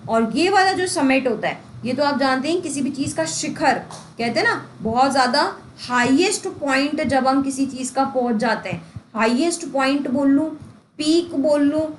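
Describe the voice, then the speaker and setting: Teaching in an echoey room with faint ambience and slight background noise, this high-voiced woman leads an exam-prep English lesson in a Hindi-English mix. Rhetorical questions and homely examples carry her explanations.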